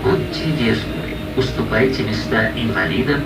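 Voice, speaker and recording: A man's voice: on the low side, over loud music. Man announcing stops over tram intercom. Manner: formal and measured, giving stop names and safety reminders. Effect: played over the tram's loudspeaker. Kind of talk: recorded transit announcements. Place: inside a moving tram. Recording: echoey, distant, dull tram loudspeaker audio.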